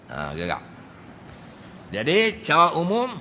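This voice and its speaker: A man with a Kedah Malay accent giving a mosque lecture, lively and joking, often asking his audience questions. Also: fairly high pitch, slow. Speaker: religious teacher. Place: mosque hall. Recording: reverberant mosque hall, faint noise.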